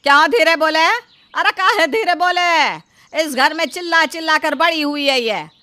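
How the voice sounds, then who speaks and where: A woman's voice: high voice, expressive, unhurried, bright, forceful tone, pitched above the performer's own voice, exaggerated voice. A woman voicing a middle-aged mother-in-law who scolds her daughter-in-law and dotes on her daughter. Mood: scolding. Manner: scolding, indulgent toward daughter.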